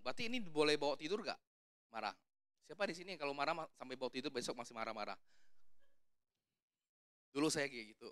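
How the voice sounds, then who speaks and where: A man's voice: mid-range voice, pushed and bright, clean tone, no room sound, studio quality. A man preaching a conversational sermon at a church service, casual and joking, putting questions to the congregation. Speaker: evangelist preaching.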